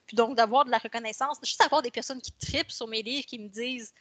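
An author with a Québécois French accent chats casually as a podcast guest, talking fast in a slightly high, somewhat bright voice. She rambles, corrects herself, and restarts often. The recording is dry, with no room sound.

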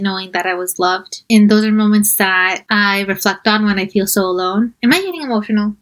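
A woman's voice: mid-range voice, rough recording. A young woman from New York, a podcast host, chatting in a casual storytelling monologue and acting out the dialogue as she goes. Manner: chatty and animated, quotes people in dialogue. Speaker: podcast host and mental health coach.

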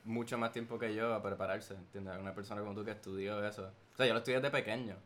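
Low-voiced quick musician. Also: male voice, steady tone, a bit bright. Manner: brash teasing, swearing. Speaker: musician, podcast guest. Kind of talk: casual podcast chat.

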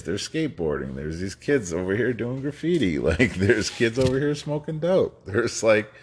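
This New Yorker in his fifties has a fairly low, slightly rough voice. He's a guest recounting his life story, rambling casually with frequent laughter, lots of fillers, and plenty of restarts.

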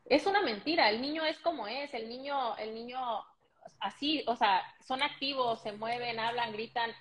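A woman's voice: fairly high pitch, moderate pace, fairly bright tone. A woman, co-hosting a casual chat and giving firm, earnest opinions on parenting. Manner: earnest, opinionated, explains firmly. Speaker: podcast co-host. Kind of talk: casual chat about motherhood.

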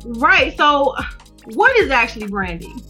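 A woman's voice: high voice, big pitch swings, measured pace, pushed and bright, soft background music. A woman hosting a podcast in a casual, chatty, informal and slangy way. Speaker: podcast host.

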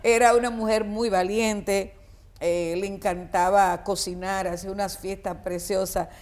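Older Dominican woman reminiscing haltingly. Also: mid-range voice, fairly even intonation, darkish tone. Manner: halting, with many fillers, restarts and laughs. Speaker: guest singer. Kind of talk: reminiscing interview talk.

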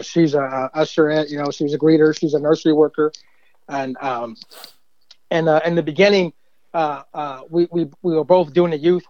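A man's voice: fairly high pitch, a little mellow, no echo, lo-fi sound. A middle-aged man, a church usher and youth minister, telling his story in a rambling casual way full of fillers. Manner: rambling, many fillers and "you know what I mean". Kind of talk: casual testimony interview.

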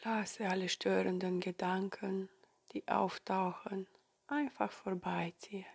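A woman leads a guided meditation in a hushed, half-whispered spa voice. Her tone is husky and breathy, with very little melodic movement. She gives soothing instructions slowly, leaving generous pauses between phrases. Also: medium pitch, fairly even intonation.

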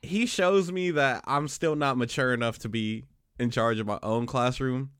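In a relaxed podcast conversation, a male co-host who works as a special education teacher shares slangy stories from his job, frequently starting over mid-thought. His mid-range voice is smooth and a bit bright at a moderate pace, with dry, clean studio sound.

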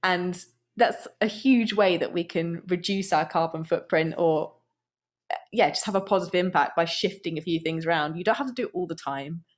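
Low-voiced woman speaking as an earnest podcast guest. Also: normal speed. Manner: thoughtful and earnest, with fillers and restarts. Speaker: guest, app founder. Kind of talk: casual conversational interview.

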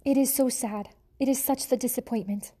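A woman's voice: fairly high pitch, steady tone, brisk, mellow, slightly rough. A woman reading aloud and voicing a vain, theatrical mother mouse with a French accent. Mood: melodramatic. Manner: theatrical, sighing, self-pitying.

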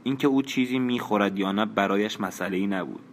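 Low-voiced man narrating an audiobook. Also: slight background noise.

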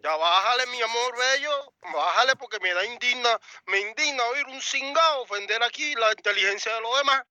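A man calling in to a live audio room, confronting another speaker with mock-affectionate jabs and often dropping his voice low. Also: brisk, few pauses, pushed and bright, no echo. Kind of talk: heated confrontation. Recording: dry, lo-fi stream audio.

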